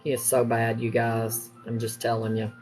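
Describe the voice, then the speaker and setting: A middle-aged woman, chatting casually with livestream viewers while she crafts and telling family stories in a lively, animated way. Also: moderate pace, soft background music. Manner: lively, acts out quoted family members with big pitch jumps.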